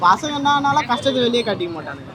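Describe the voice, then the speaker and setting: A man's voice: very high-pitched, sing-song, very fast, a crowd in the background. A young man answering street interview questions outdoors, earnest and rambling, a little defensive.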